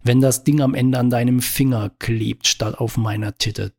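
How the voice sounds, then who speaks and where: A man reading the lines of a blunt, flustered man in a spoken story, in his own gravelly, husky voice. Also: medium pitch, steady tone, moderate pace, darkish tone. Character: clumsy panicked man fixing a blunder.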